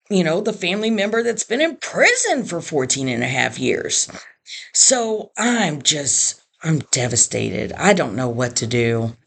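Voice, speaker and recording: Middle-aged woman with a deep voice, telling her own story with feeling. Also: gravelly. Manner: earnest, animated storyteller who acts out quoted voices. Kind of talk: personal storytelling monologue.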